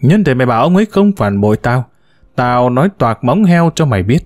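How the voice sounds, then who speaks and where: A man's voice: medium pitch, expressive, fairly quick, darkish tone, no echo, studio quality, natural voice. A man voicing an older widowed mother who scolds her grown sons with venom, in a storybook reading. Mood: bitter. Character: sharp-tongued older widow, furious mother.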